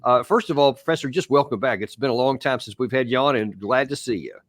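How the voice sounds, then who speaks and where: A man's voice: mid-range voice, quick pace, dry recording. A man hosting an interview, talking loosely with many fillers and restarts. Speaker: interview host. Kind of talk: conversational video interview.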